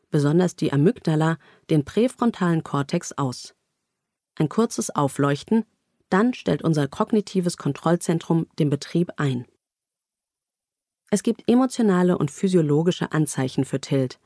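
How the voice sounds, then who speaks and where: A woman reading nonfiction narration aloud in a calm, even, measured way. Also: lowish voice, no echo, studio quality. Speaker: audiobook narrator.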